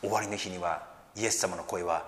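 A man preaching a sermon as pastor, lively and expressive, raising his voice when he quotes and slipping in gentle joking asides. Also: deep voice, brisk, slight background noise. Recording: long hall reverb.

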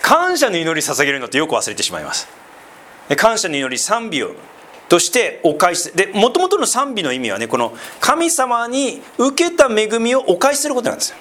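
Male pastor, conversational sermon, chatty asides, fairly high, very animated pitch. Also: brisk. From Sendai, northeastern Japan. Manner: chatty, with many asides and tag questions.

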